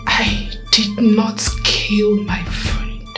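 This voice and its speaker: Carefree young Nigerian woman, unhurried. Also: mid-range voice, wildly swooping pitch, music in the background, full character voice. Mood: defensive. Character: carefree, independent young woman who resists being fussed over. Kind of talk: film drama acting.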